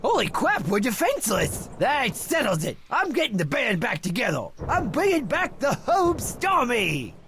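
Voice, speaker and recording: An actor playing a goofy, excitable, dim-witted cartoon athlete with silly mock-military bluster in a video game. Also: male voice, very high voice, normal speed, hardly any pauses, slight background noise, heavily acted. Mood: alarmed, rallying. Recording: music behind the voice.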